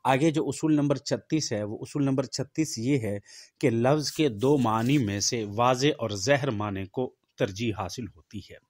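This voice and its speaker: Man giving a slow jurisprudence lecture. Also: medium pitch, a little mellow, no echo. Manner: slow, deliberate recitation of Arabic texts, then explaining in Urdu. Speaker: Islamic jurisprudence teacher. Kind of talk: religious lecture.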